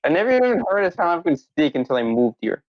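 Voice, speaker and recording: Lively young man, lo-fi podcast. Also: on the high side, dry recording. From United States. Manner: animated, halting, many restarts. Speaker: podcast co-host. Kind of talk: casual chat.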